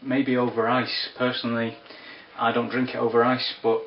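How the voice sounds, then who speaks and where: A man giving a casual spoken whisky review, unhurried and descriptive with wry asides. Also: mid-range voice, completely flat delivery, slight background noise. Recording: roomy, distant, dull lo-fi sound.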